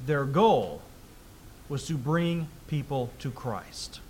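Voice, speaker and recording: A man preaching a sermon, reading scripture aloud with rising emphasis and then explaining it in a quieter, conversational tone. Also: medium pitch, lively intonation, slow pace, a little hiss or hum.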